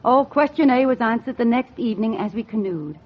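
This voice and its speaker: Fairly quick and with lively intonation, a woman's voice on the high side voices a wry, lovelorn single woman narrating her hopes while on holiday. The 1940s radio drama is dry, genteel and wistful in tone, recorded muffled with music.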